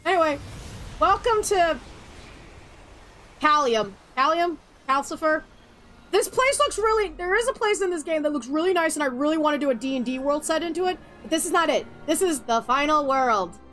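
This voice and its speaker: Casually streaming a video game, a young woman swears liberally and rants sarcastically over the cutscenes. She sounds animated, her high voice a bit bright, at a moderate pace, with game music and cutscene audio underneath.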